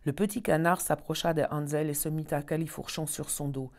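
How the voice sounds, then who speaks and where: A woman with a low, deep voice reads a fairy tale aloud. Her delivery is measured and expressive, with clear storytelling phrasing.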